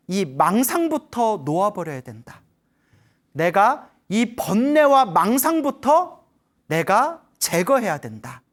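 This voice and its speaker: A woman voicing a hot-tempered male monk who broods over a grudge and then resolves to change. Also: a little high. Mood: resolute. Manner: seething, muttering to himself.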